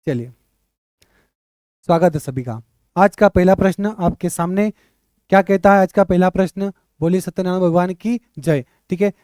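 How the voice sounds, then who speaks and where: A male teacher leading an online exam-prep class, drilling letters aloud and repeating questions to his students with lively energy. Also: sits high, moderate pace, pauses often, clear, resonant tone, no room sound, studio quality.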